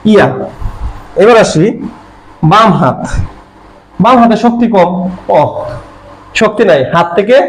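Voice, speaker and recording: A man's voice: high voice, rough recording. A male language teacher giving a classroom lesson, repeating each letter name and explaining with simple stories. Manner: repetitive, drills letter names with mnemonic stories.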